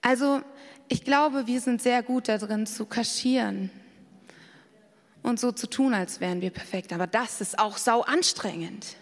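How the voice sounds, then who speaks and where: A woman with a somewhat high voice preaches in a candid, self-revealing way, now and then acting out the voices she quotes. Her voice carries a long reverb, as in a large hall. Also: measured pace. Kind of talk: sermon.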